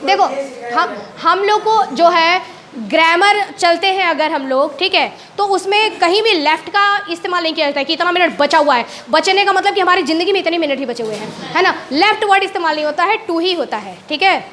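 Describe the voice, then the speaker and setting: A woman's voice: very high-pitched, fairly quick. A woman teacher with an Indian accent giving a playful classroom lesson, acting out different kinds of laughter. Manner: lively, playful, acts out laughs.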